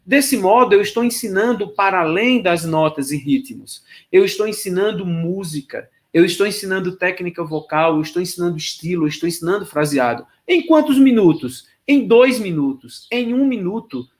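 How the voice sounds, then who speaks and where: A man's voice: high voice, animated, normal speed, hardly any pauses. A man giving a lecture on choral rehearsal technique, speaking to students and singing solfège syllables as examples. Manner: sings solfège syllables to demonstrate; addresses students directly, instructive. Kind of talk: lecture with sung solfège demonstrations.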